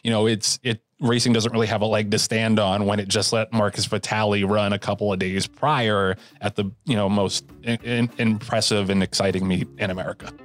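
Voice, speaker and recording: A man's voice: on the low side, little pitch movement, brisk, few pauses, no room sound. A man co-hosting a podcast, talking casually and getting heated, with many restarts and fillers. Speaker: podcast co-host. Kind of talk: casual chat.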